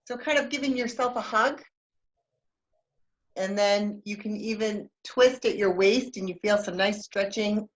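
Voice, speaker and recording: A woman's voice: medium pitch, measured pace. Chatty woman storyteller, video call, slightly dull lo-fi sound. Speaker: staff member sharing news. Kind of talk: casual video-call chat.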